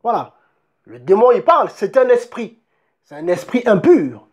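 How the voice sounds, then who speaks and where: Reading Bible verses within an emphatic sermon, this preacher keeps asking the congregation whether they see, restarting words along the way. He speaks at normal speed in a high-pitched, sing-song voice with a darkish tone.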